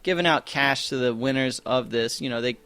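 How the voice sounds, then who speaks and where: A young man casting a video game tournament live, chatty and rambling, full of fillers and quick self-corrections. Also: mid-range voice, pushed and bright, clean tone, no echo. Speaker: esports tournament caster. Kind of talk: casual live game commentary.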